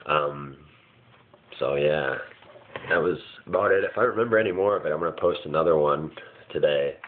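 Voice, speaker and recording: A man's voice: very deep voice, moderate pace, slight background noise. A man casually recounting his dreams in a hazy, puzzled way, vague and often searching for words. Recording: muffled phone-like lo-fi sound.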